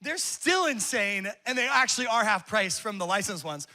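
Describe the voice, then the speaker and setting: A male pastor in his thirties delivers a sermon in a strikingly high, bright voice with a sharp, forward edge. He talks in a loose, conversational storytelling way and often breaks into laughter. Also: animated, moderate pace. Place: church campus.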